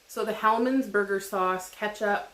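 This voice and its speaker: A woman's voice: mid-range voice, unhurried, fairly bright tone. Female mukbang host, mid-range voice, informal chat with food in her mouth, chewing while talking, roomy echo. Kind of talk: casual chat to camera while eating. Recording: echoey room.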